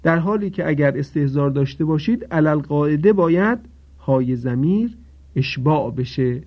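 A man gives a methodical, step-by-step recitation lesson, repeating each rule and asking his listeners to pay attention. His voice sits somewhat high for a man. The recording sounds dull and lo-fi. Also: expressive. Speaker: Quran recitation teacher.

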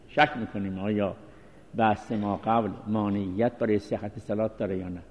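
Low-ish guy teaching a seminary class, slow careful phrases, dull lo-fi recording. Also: darkish tone. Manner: measured, explanatory, short phrases with pauses. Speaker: teacher of Islamic law. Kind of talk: seminary lecture. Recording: dull lo-fi recording with long reverb.

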